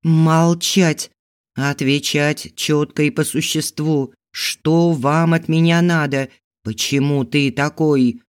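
Audiobook role: a man playing a stubborn young heroine, barks orders, pitched up and louder. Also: fairly even intonation, slow, smooth. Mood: commanding. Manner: commanding, indignant outbursts. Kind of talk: audiobook character voicing.

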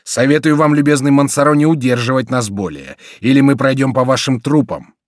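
A man's voice: medium pitch, animated, unhurried, no echo, clean studio sound. A male narrator voicing a brave young nobleman who speaks in bold, commanding declarations. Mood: defiant.

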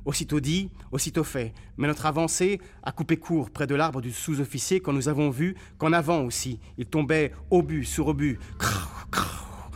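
A man giving an expressive, dramatic reading of a war memoir for radio, voicing the sounds of shells and cries. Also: fairly high pitch, moderate pace, hardly any pauses. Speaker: reader on a radio documentary.

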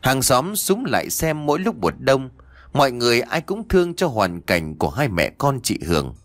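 A man reads a ghost story aloud, his pitch rising and falling with lively swings. The sound is dry and close, with no room around it. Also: normal speed, no echo. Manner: voices every character in quoted lines. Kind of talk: scripted horror story narration.

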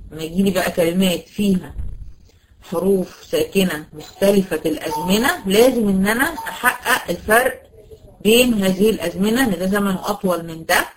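An Egyptian woman leads a tajweed class for female students. She explains the rules patiently and keeps asking short questions to check that they follow, at an ordinary mid pitch. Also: low-quality recording. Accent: Egyptian Arabic. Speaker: Quran recitation teacher. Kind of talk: online tajweed lesson.

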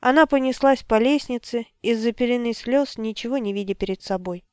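A woman narrates an audiobook in an even storytelling read. Her voice is smooth and clear and sits a little high. The recording is dry and close-miked. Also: a little fast, no echo. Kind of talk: scripted narration.

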